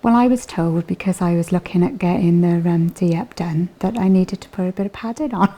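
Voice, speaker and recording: A woman's voice: fairly low pitch, a little fast, mellow. A woman in her forties chatting about her own experience as a patient, hesitant, with fillers. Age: 40s. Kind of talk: casual chat.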